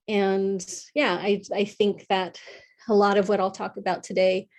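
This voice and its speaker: A young woman from California, a psychotherapist presenting an online workshop in an earnest, warm way, with many fillers and restarts. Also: medium pitch. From California, USA. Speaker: psychotherapist leading a wellness workshop. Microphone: video call.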